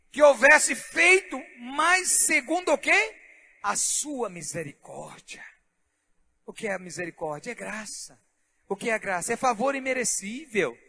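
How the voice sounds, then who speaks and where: A man preaching a sermon as pastor, fervent, with shouted and half-sung phrases, in a church. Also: very high-pitched, long reverb tail.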